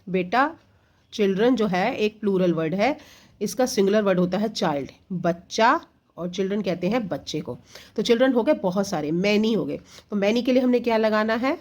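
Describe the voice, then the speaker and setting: Patient woman teaching children grammar. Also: medium pitch. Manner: patient, explains step by step, often asks and answers herself; mixes Hindi with English. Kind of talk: exam-prep grammar lesson for children.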